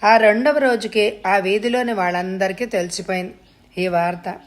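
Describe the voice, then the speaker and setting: A woman narrating a family story as an audiobook reader, with even, measured delivery. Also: mid-range voice.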